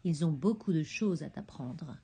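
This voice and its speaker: A woman's voice: sits low, lively intonation, a little slow, warm tone, slightly rough, voice pushed down, heavily acted. A woman doing a stern caring mother. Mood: warning. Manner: firm and warning.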